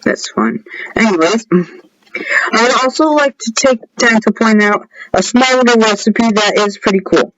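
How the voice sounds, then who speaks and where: High-voiced man, slow gameplay commentary. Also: fairly bright tone, no room sound. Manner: rambling, offhand asides, talks to viewers directly. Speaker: game mod creator showcasing his mod. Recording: dull lo-fi recording.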